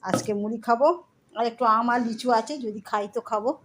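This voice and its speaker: A woman's voice: on the high side, moderate pace. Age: middle-aged. Sex: woman. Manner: chatty home vlogger. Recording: phone, faint noise. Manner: chatty, addresses viewers as friends. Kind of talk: casual home vlog. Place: home kitchen. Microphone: phone camera.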